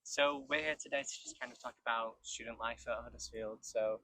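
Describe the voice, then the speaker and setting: A man's voice: medium pitch, a little fast, noisy background. A man who works in a university international office, hosting a casual student interview with frequent ums. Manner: relaxed, many ums and kind ofs. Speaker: international office staff host.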